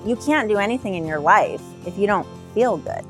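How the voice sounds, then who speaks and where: A woman in her forties speaking emphatically and a little haltingly in an interview. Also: mid-range voice, lively intonation, over music. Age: 40s. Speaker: client giving a testimonial. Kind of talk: interview testimonial.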